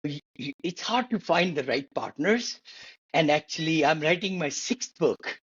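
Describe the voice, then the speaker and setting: A man's voice: a little high, lively intonation, measured pace, fairly bright tone, slightly rough, lo-fi sound. Enthusiastic man in his seventies. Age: 70s. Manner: enthusiastic, repeats words for emphasis. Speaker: co-host. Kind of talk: casual podcast chat.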